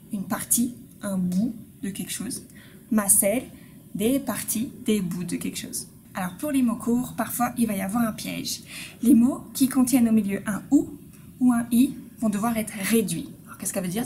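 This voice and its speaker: A woman's voice: medium pitch, dark tone, a little hiss or hum. A woman teaching a casual video language lesson, patiently repeating example words and talking straight to her viewers. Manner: friendly direct address to viewers.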